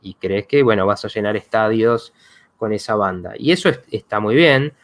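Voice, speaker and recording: A man's voice: fairly low pitch, moderate pace. A man, hosting a psychology live stream and talking in a reflective way with many fillers and restarts. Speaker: psychologist host.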